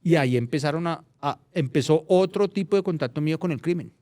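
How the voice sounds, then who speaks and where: A man's voice: on the high side, brisk, no room sound. A middle-aged man, a journalist, telling anecdotes in a casual interview, often restarting his phrases. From Colombia. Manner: anecdotal, restarts phrases, animated when recounting. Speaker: journalist guest.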